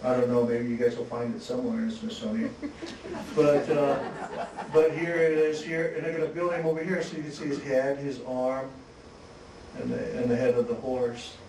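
Man giving a halting slide talk in an echoey hall. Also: medium pitch. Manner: relaxed, halting, frequent restarts and chuckles. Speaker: photographer presenting his work. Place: museum lecture hall. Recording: echoey hall, distant mic, faint hiss.

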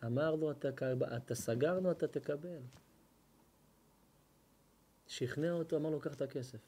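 A man, a rabbi telling a sermon story and acting out its dialogue, swinging between hushed lines and loud bursts. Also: on the high side, husky. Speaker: rabbi giving a Torah lesson. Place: hall at an evening lecture.

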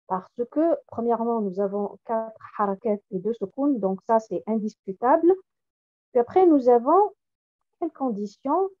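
Female recitation teacher, unhurried and methodical, repeats words for contrast, slightly high voice, thin phone-like sound. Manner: slow and careful, repeating each word for contrast. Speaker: Quran recitation trainer. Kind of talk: explaining pronunciation with recited examples. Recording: tinny phone-like audio.

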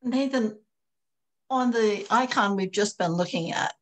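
A woman's voice: medium pitch, unhurried. A woman taking part in an online parish class, offering an observation over a video call. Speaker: class participant.

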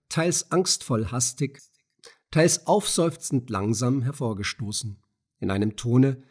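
A male narrator reads a classic tale in a measured, dramatic way. His voice is husky and sits somewhat high for a man. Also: a little mellow. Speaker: audiobook narrator. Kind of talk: literary audiobook narration.

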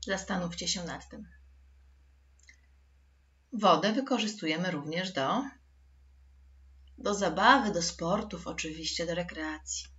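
A woman's voice: lowish voice, a little slow, pauses often, a bit bright, lo-fi sound. A woman teaching a recorded school lesson for children, patient and addressing the pupils directly.

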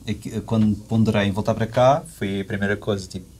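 A man in his thirties from Madeira, a podcast guest, chatting relaxed with small hesitations in a studio. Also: on the low side, fast talker, a little hiss or hum. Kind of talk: casual interview chat.

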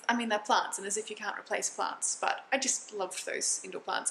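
A woman in her thirties talking to a handheld camera in a vlog, reflective and chatty with soft laughs. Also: mid-range voice, a little hiss or hum. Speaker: vlogger. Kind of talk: casual vlog talk to camera. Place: small indoor rooms of a house. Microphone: phone camera held at arm's length. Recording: roomy sound.

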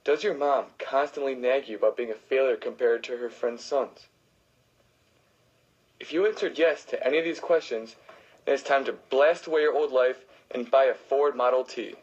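A man delivering a hyped, hard-selling mock infomercial pitch. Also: normal speed, a little mellow, slightly rough. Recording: dull lo-fi recording.

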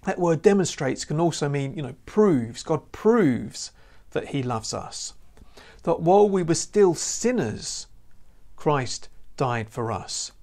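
With a slightly high, expressive and mellow voice, a man takes his time preaching a sermon into the camera, keeping it earnest and conversational and saying "you know" often. The setting is an indoor room with a lamp and church banner, and he's using a lapel mic.

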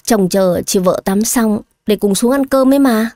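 Woman voicing a childlike grown man, high and dry, clingy and eager, for an audio drama. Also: normal speed, dark tone, no echo, lightly acted. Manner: childish pleading tone.

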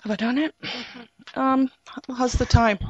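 A man's voice: extremely high pitch, fairly even intonation, breathy edge, no room sound, highs cut off. A man, a social worker, presenting to a city council passionately, often restarting his sentences, speaking into a table microphone in a council chamber. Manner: passionate, halting with frequent restarts.

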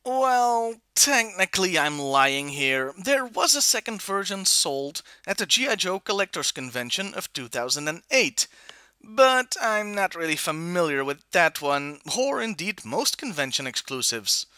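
A man reads a scripted toy review in a wry, opinionated way, taking his time. His bright voice swings lively in pitch and has a clean tone, recorded dry and up close without any echo.

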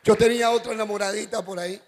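A middle-aged man, a pastor preaching a joking wedding sermon as an animated storyteller who bursts into shouts. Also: sits high, fast, slight background noise. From Ecuador.

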